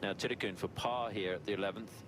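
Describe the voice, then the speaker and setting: A man's voice: lowish voice, fairly even intonation, quick pace, background noise. A man giving broadcast golf commentary, calling shots and summing up the state of play. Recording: loud music bed under broadcast commentary.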